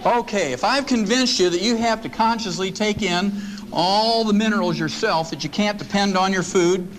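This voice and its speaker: An older man with a fairly high voice gives a folksy seminar talk to an audience in a meeting room, telling stories as he goes. Jokes and homespun asides carry his points along at a moderate pace. The audio quality is poor.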